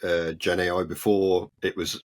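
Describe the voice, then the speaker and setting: A man who is the guest in an interview, explaining his work in a relaxed way. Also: low voice, normal speed. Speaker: guest, cyber security researcher. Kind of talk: casual interview.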